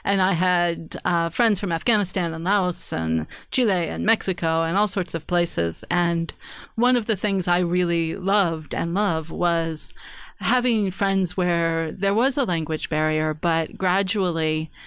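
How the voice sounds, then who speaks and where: A woman in her forties from the United States co-hosts a conversational radio segment. Her voice is low and smooth, and she talks in a friendly, unhurried way with soft laughs. The recording is dry and close. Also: fairly even intonation, no echo. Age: 40s. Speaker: radio program co-host and refugee volunteer.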